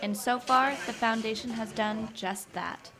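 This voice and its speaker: A young woman reporter reading scripted news narration in a measured, even cadence. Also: on the high side, a crowd in the background. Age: young adult. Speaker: student reporter.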